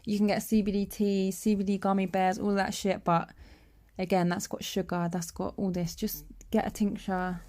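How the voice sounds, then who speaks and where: A woman with a London accent and a nasal, rather monotone voice, chatting casually as a podcast guest. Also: medium pitch, moderate pace. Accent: London English. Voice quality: nasal, as if holding the nose. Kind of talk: casual chat, with swearing.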